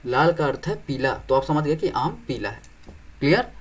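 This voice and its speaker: A man's voice: medium pitch, expressive, normal speed. A young man teaching an exam-prep reasoning lesson, explaining step by step and often asking whether students follow. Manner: explains step by step, keeps checking "clear?".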